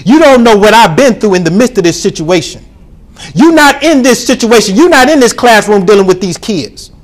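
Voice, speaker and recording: A pastor preaching a sermon to his congregation, calling for responses and rising to shouts. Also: high voice, expressive, normal speed.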